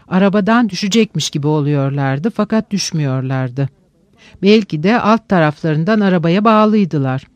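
A man narrating a literary audiobook in a measured, reflective way with slow pauses. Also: sits high, darkish tone, no room sound.

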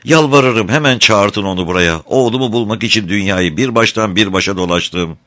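A man's voice: lowish voice, moderate pace, pushed and bright, no echo, pitched above the performer's own voice. A man voicing a poor, grieving beggar mother in a storybook reading. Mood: pleading. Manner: pleading, mournful.

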